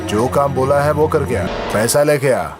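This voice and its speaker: An actor dubbing a gruff street dealer who curtly demands cash and refuses credit. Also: male voice, medium pitch, moderate pace, close to an everyday voice. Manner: curt, demanding. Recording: film soundtrack with loud music.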